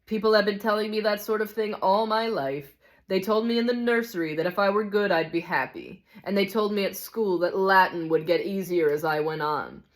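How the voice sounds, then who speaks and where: A woman reads the part of a cynical, hard-bitten male ghost in a storybook, and the voice comes across as a high-pitched man's, lightly acted at a moderate pace. The ghost grumbles bitterly and scornfully, complaining insistently through rhetorical questions.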